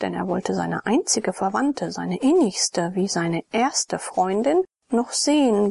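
A woman narrating a classic novel in a soft, often unvoiced whisper, as a whispered audiobook reading. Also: medium pitch, gravelly, breathy edge, dry recording.

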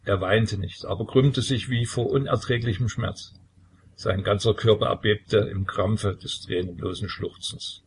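A man reading a novel aloud as an audiobook narrator, in measured, even storytelling. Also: fairly low pitch, a little hiss or hum. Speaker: audiobook reader. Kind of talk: scripted narration.

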